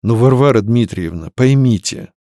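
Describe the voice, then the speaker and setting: A man's voice: medium pitch, lively intonation, moderate pace, mellow, dry recording, studio quality, lightly acted. Field: storybook. Figure: a man playing a cold, aloof nobleman. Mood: cold, firm. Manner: cold, clipped, reproachful.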